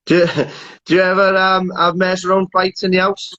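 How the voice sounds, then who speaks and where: A man's voice: high-pitched, completely flat delivery, moderate pace, sharp tone. A man interviewing a guest casually, asking friendly questions and putting in short affirmations. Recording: dull lo-fi audio.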